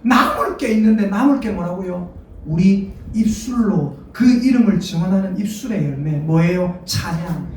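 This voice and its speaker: A pastor preaches a sermon, his voice rising and falling with lively energy as he prompts the congregation to answer. The sound rings through a large, echoing church, picked up by a distant mic with faint noise. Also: medium pitch, normal speed. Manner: lively, calls for congregation responses. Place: church sanctuary. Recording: echoey church hall, mic far off.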